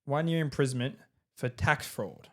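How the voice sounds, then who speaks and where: A man's voice: mid-range voice, lively intonation, normal speed, a bit bright. An Australian man co-hosting a podcast in casual, joking sports chat. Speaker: podcast co-host.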